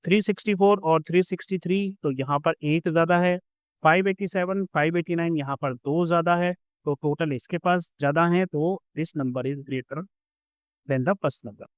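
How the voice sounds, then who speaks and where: A man's voice: fairly high pitch, moderate pace, clean tone, no echo. A man teaching a school math lesson, patiently explaining step by step with everyday examples.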